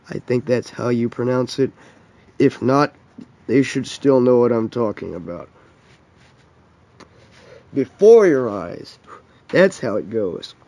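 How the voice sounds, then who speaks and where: A young man with a warm, mellow voice reads a fan story aloud in the second person. He reads casually, often restarting lines and stopping for offhand asides. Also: medium pitch, dry recording. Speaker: fan fiction reader.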